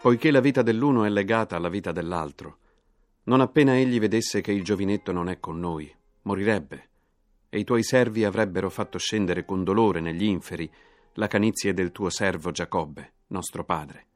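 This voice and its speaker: A man's voice: sits low, moderate pace, no room sound, lightly acted. A man reading aloud as a brother earnestly begging to take another's place. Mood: pleading. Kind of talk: scripted reading.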